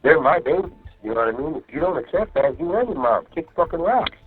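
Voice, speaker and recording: A fast-talking inmate with a fairly high, slightly rough voice vents to his partner on a jail phone call, very animated and casually profane. He rambles, repeats himself and keeps asking "you know what I mean" to check he's getting through. The audio is muffled, with faint music in the background.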